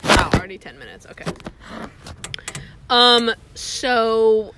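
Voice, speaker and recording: A young woman hosting a casual podcast, loud, crude and teasing. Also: on the high side, animated, slow pace, a little hiss or hum. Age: young adult. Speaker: podcast host. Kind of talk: casual chat.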